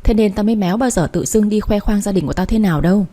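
A woman's voice: medium pitch, very fast, dark tone, lightly acted. A woman reading the part of a blunt, loyal young woman who talks to her friend frankly and teasingly. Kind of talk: audiobook character reading.

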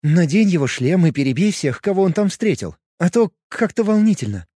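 A man voicing a curious, teasing young woman inventor in an audiobook, speaking softly and half-whispering. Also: high voice, very animated, fairly quick, husky, dry recording, studio quality, voice pushed up, exaggerated voice. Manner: soft, half-whispered lines. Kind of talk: audiobook character voice.

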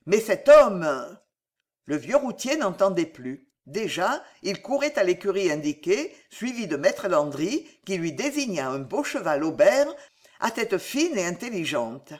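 A narrator reading a historical adventure novel aloud in a measured storytelling manner. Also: medium pitch, very animated. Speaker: audiobook narrator. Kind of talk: literary audiobook narration.

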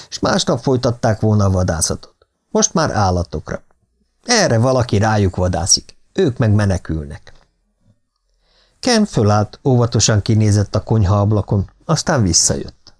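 Guy reading an audiobook, medium voice, steady even delivery. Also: mid-range voice. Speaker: audiobook reader. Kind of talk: audiobook narration.

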